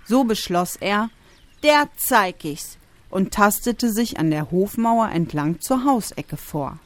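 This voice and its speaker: A woman reading a children's story aloud with expressive storytelling. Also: medium pitch, a little slow, no echo. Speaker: narrator.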